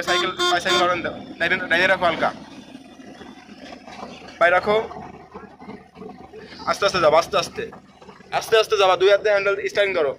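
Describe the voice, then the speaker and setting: High-voiced bossy man giving driving orders. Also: pushed and bright, a little hiss or hum. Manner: bossy, scolding, repeats instructions. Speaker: driving instructor. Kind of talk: comic driving lesson skit. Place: in a moving car.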